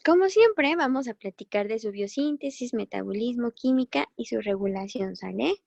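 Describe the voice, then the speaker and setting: A woman's voice: fairly high pitch, animated, normal speed, vocal fry, darkish tone, dry recording, dull audio. A woman teaching a recorded medical lecture in a chatty, encouraging way, often correcting herself as she goes.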